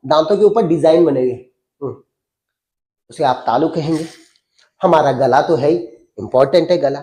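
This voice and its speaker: A man's voice: fairly high pitch, normal speed, mellow, reverberant. A male grammar teacher lecturing a class, sounding out letters and often asking students if they follow. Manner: asks students frequent check questions.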